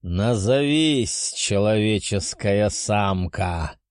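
A man voicing an ancient, proud male dragon spirit in an audiobook, slow and booming with a growl. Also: animated, smooth, dry recording, studio quality. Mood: commanding. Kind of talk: audiobook character voice.

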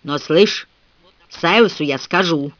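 A man's voice: fairly high pitch, takes it slowly, a bit bright, no echo. A man playing a surly, grumbling old rustic with a wooden leg. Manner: gruff, grumbling. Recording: dull, dry lo-fi recording.

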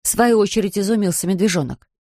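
Calm man reading a storybook. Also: high voice, fast talker, no room sound, studio quality. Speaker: narrator. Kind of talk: audiobook narration.

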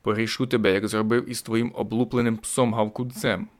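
A man reading an audiobook, voicing a deranged knife-wielding man who taunts and snarls slowly. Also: lowish voice, little pitch movement, natural voice. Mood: snarling.

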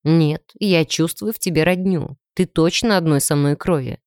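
A woman voicing a calm, confident young male mage in a dry-sounding audiobook reading, speaking lower and steadily. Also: normal speed, no room sound, close to an everyday voice.

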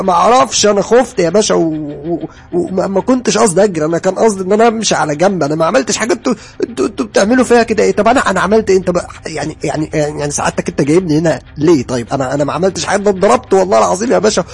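A man's voice: high-pitched, gravelly, breathy edge, exaggerated voice. An actor playing a terrified young man who stammers and pleads his innocence under interrogation in an audio drama. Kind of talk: audio horror drama acting.

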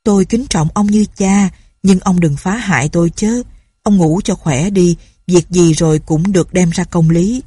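A woman voicing an aloof young man of a landowning family, speaking in a measured, stern way. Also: on the low side, dark tone, husky, no room sound, studio quality.

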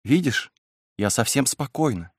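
A wild, impassioned young woman, as a male reader puts her on, pitched higher than his own voice and pleading with fervour. The voice sits close and dry, with no room sound. In this audiobook reading her lines swing between defiance and tenderness. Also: expressive, unhurried, no echo. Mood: gently coaxing.

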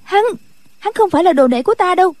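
A woman's voice: very high-pitched, lively intonation, fast talker, a little mellow, no room sound. A woman voicing a timid, frightened young nun who speaks hesitantly in a martial-arts audiobook. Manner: trembling, hesitant.

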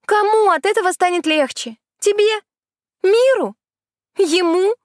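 A woman's voice: very high voice, measured pace, no echo, studio quality, voice pushed up. A woman voicing a smug, mocking witch in an audiobook. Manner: sneering, condescending. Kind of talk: audiobook reading.

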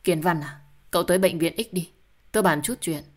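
A woman voicing a worried middle-aged husband and father who talks calmly and soothingly. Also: lowish voice, fairly quick, close to an everyday voice. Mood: steady.

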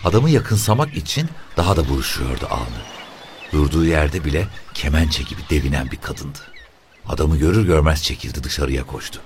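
Man, very deep voice, lively intonation, deliberate story reading, faint hiss. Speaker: narrator.

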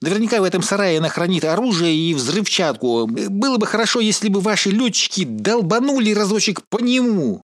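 A man's voice: high voice, very animated, fairly quick, few pauses, voice pushed up. A man voicing a gushing, paranoid middle-aged woman calling in to a TV show, breathless and swallowing his word endings. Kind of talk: audiobook character voice.

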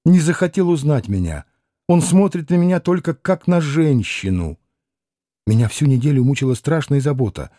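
A man's voice: on the high side, animated, normal speed, dark tone, no echo, studio quality, lightly acted. A man reading an audiobook voices a proud, anguished young noblewoman who pleads and exclaims passionately. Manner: impassioned, pleading, rising to exclamations.

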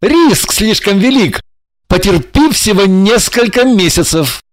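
A woman's voice: medium pitch, animated, measured pace, natural voice. A woman voicing a scheming man who coaxes and placates his impatient lover in an audiobook. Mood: placating. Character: scheming male lover, smooth and evasive. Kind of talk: audiobook character voice.

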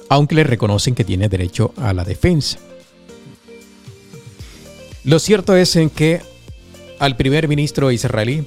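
A man's voice: medium pitch, a little mellow. Male radio host over a music bed. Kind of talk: morning radio show presenting and news monologue. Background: Latin music bed.

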